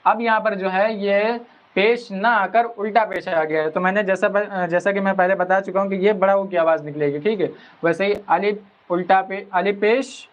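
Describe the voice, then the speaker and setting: A man teaching a Quran reading lesson, explaining patiently and drawing out each sound slowly as he spells it. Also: high-pitched, steady tone. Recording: dull lo-fi recording.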